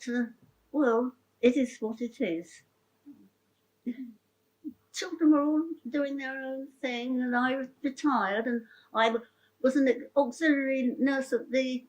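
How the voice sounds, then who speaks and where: An older woman with a high voice shares her personal story in an interview, chatty and heartfelt. She rambles, restarts often, and speaks with real emotion. The audio quality is poor.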